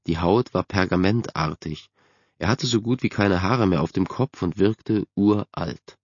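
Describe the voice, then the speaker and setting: A man calmly narrating a spooky youth novel in a measured way, as an audiobook narrator in a dull, dry booth recording. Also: deep voice, no echo. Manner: calm, measured storytelling.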